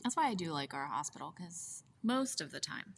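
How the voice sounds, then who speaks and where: A woman with a very low voice reads out questions and chats as a podcast co-host. She answers bluntly and jokes a lot. Faint background noise runs under her voice. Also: big pitch swings, normal speed, gravelly. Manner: blunt, joking, asks the questions. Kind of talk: casual chat.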